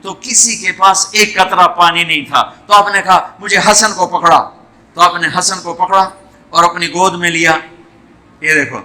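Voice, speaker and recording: A man's voice: on the high side, sharp tone. A man preaching an emotional sermon, telling stories with lamenting cries. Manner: impassioned storytelling, lamenting cries.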